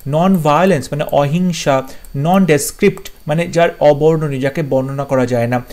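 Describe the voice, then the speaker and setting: A man with a slightly high, darkish voice leads a vocabulary lesson in English. He lists words one by one, offers short meanings, and makes sure the class is following.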